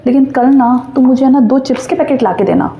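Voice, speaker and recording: A woman's voice: high-pitched, brisk, highs cut off, slight background noise. A young woman casually telling a personal childhood story to her viewers, chatty and full of fillers. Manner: chatty, animated retelling with many fillers. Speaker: storyteller vlogger.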